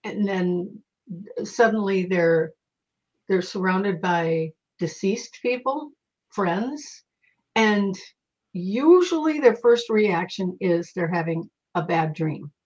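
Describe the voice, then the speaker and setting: Husky woman telling stories. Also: mid-range voice, slow pace. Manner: animated, with frequent fillers and restarts. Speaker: psychic guest. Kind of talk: conversational storytelling. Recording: dull lo-fi recording.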